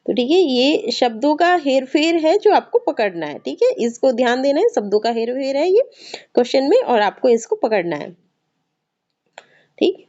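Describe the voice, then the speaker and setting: A woman's voice: high-pitched, very animated, normal speed, warm tone. A woman teaching an exam-prep grammar lesson with a Hindi accent from north India, explaining patiently and repeating words as she checks in with her listeners. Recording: slightly dull, muffled recording.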